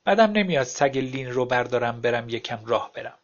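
A man's voice: mid-range voice, lively intonation. A man narrating a story aloud in a wry, plain storytelling manner. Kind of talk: audiobook narration. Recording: dull lo-fi recording.

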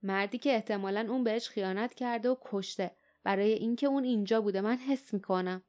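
A woman's voice: mid-range voice, a little mellow, close to an everyday voice. A woman doing a fierce, distrustful young woman. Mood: angry. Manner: firm, decisive.

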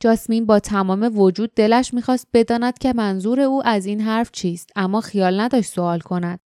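Mellow woman narrating an audiobook. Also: medium pitch, smooth, no echo, studio quality. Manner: steady, measured storytelling. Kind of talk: scripted narration.

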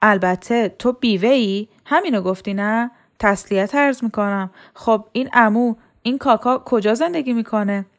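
A woman's voice: a little high, hardly any pauses, natural voice. A woman reading a storybook, voicing a courteous but threatening male police interrogator in his thirties. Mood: cool, probing.

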